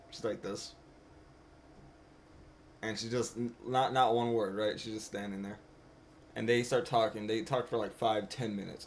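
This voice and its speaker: A man streaming games, retelling the story in an animated, laughing way and acting out characters. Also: lowish voice, a little hiss or hum. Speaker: streamer, co-host. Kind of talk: casual gaming stream chat.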